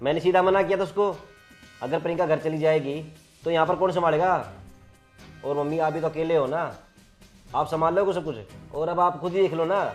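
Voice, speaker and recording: A man's voice: on the high side, steady tone, brisk, faint music behind, natural voice. A young man playing a husband who complains resentfully to his mother about his wife. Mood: irritated. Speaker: son and husband. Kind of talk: family drama short.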